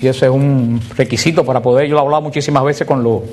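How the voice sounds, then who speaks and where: A middle-aged man, a catechist teaching a Bible class, animated and asking rhetorical questions he then answers himself. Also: medium pitch, quick pace.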